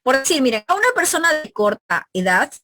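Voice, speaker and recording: A woman's voice: high voice, big pitch swings, fairly quick, bright, forceful tone, no echo. A woman from Peru with a northern Peruvian Spanish accent, teaching a pre-university review class. She explains step by step and keeps checking in with her students. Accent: Peruvian Spanish, northern coast. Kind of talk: recorded review lecture.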